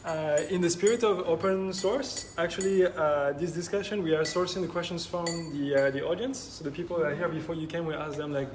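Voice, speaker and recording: A man from France and Japan hosts a panel talk at a maker space event, speaking casually, friendly but hesitant and full of fillers. His voice is fairly high and fairly quick with few pauses, over noisy room ambience.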